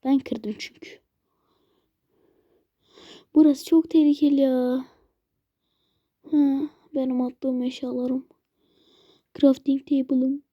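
A woman's voice: high-pitched, little pitch movement, slow pace, long pauses, dry recording, dull audio. A woman giving casual let's-play commentary as host, chatting to and pleading with game monsters as she plays. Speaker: gaming channel host.

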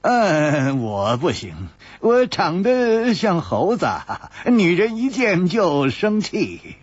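A man's voice: high voice, very animated, takes it slowly, breathy edge, no echo, lo-fi sound, pitched above the performer's own voice, full character voice. A man doing a suave, languid hero. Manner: leisurely, drawling.

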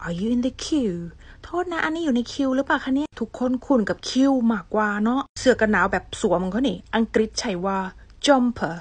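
Husky Thai woman with Isan lilt. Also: on the high side, lively intonation, quick pace, few pauses, no room sound. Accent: Northeastern Thai (Isan). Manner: repeats each English word twice, mixes in Isan dialect. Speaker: English teacher. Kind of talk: casual vocabulary lesson.

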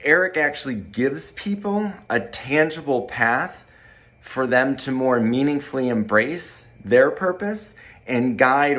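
A man's voice: medium pitch, fairly bright tone. Earnest man reading a testimonial. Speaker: corporate training director. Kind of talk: read testimonial to camera. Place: bright room by large windows, indoors.

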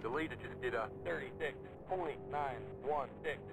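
A man's voice: mid-range voice, normal speed, creaky, over loud music, natural voice, poor audio. A man voicing a racing game spotter, giving terse, clipped pit radio calls. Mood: flat. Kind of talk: short game callouts.

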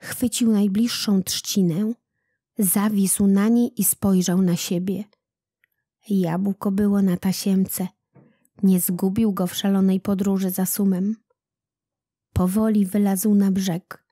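Slow, mellow woman reading a folk tale. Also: medium pitch, level tone, dry recording, clean studio sound. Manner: slow, deliberate storytelling. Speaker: narrator, audiobook reader. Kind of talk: reading a children's legend aloud.

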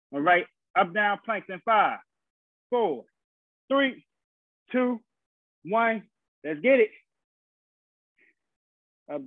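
A young man with a high voice leads a workout as a fitness instructor. He speaks in short, encouraging cues and countdowns. The sound is thin and phone-like, as over a video call, with a dry room. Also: no room sound. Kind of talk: live online HIIT class coaching. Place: small carpeted room at home, indoors. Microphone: laptop or webcam mic on video call.

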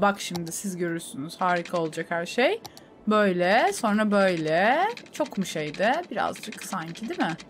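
A young woman streamer chatting casually over a city-building game, talking to herself and her chat. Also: medium pitch. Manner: chatty, talks to herself and to chat, with sudden laughing outbursts. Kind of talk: casual gameplay commentary.

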